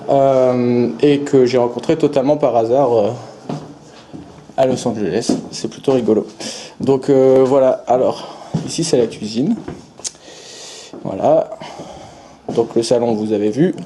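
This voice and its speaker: A man's voice: medium pitch, slow pace, long pauses, noisy background. A young man from France narrating a casual vlog tour of a house and garden, hesitant, with many fillers and restarts. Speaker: travel vlogger.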